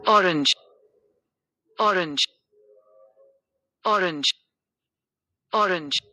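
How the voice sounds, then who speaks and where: A synthetic voice pronouncing single words slowly, saying each one four times. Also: medium pitch, sharp tone, no room sound. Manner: says each word four times, slow and careful. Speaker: pronunciation model voice. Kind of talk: slow repeated word pronunciation.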